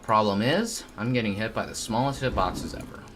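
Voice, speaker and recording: A man's voice: on the low side, brisk, over loud music. A man giving casual, rambling, jokey commentary on a gaming livestream, talking to his chat. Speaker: game streamer. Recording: very noisy, game gunfire behind.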